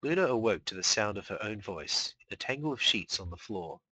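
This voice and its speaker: A man reading fan fiction aloud live in an expressive storytelling manner. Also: fairly low pitch, fairly quick, slightly rough, no echo, poor audio. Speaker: fanfiction reader.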